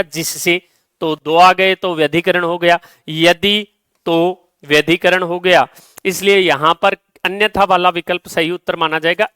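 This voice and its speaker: A man teaching Hindi grammar, working through quiz answers and slowing down to stress each example sentence. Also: high voice, pushed and bright, smooth, no room sound, clean studio sound.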